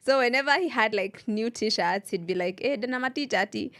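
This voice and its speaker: A woman's voice: a little high, normal speed, a bit bright. A woman from Nairobi with a Kenyan accent, hosting a radio show and chatting casually, telling stories and acting out the people she quotes. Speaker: radio host.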